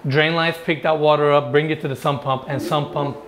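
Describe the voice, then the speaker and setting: This man in his thirties has a somewhat bright, high-side voice with fairly even intonation, talking a little fast. He narrates a casual walkthrough of a spacious house basement, chatting eagerly to viewers on a lapel mic indoors.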